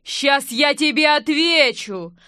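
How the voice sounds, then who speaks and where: A woman voicing a hot-tempered adult man who barks roughly and slowly. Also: high-pitched, expressive, sharp tone, dry recording, clean studio sound, heavily acted. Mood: furious. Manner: barking, rough, slow.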